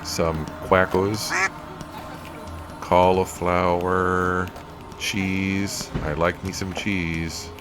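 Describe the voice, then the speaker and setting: Deep-voiced man narrating over music. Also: level tone, drawn-out words. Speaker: food reviewer and video narrator.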